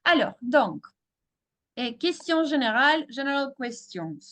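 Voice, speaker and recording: A woman's voice: sits high, sing-song, unhurried, a bit bright. A woman with a French accent teaching an online class, switching between French and English and often repeating her words. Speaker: French teacher hosting a webinar.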